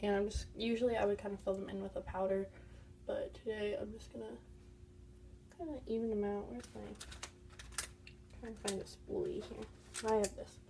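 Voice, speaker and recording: A woman's voice: medium pitch, little pitch movement, normal speed, pauses often, dark tone, distant mic, a little hiss or hum. Congested woman chatting through a makeup routine. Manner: chatty, explains each step as she goes. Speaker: beauty vlogger. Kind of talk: casual makeup tutorial.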